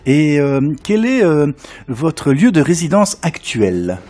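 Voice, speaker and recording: A man hosting a conversational radio interview, asking drawn-out, hesitant questions and echoing what he hears. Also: on the high side, sing-song, warm tone.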